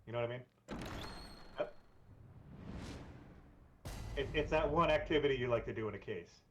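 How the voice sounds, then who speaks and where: A man's voice: medium pitch, normal speed, a little hiss or hum. A man casually chatting and joking while playing a game with a friend. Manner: animated, joking, reads lines aloud. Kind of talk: casual co-op gaming chat. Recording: dull lo-fi with faint game music.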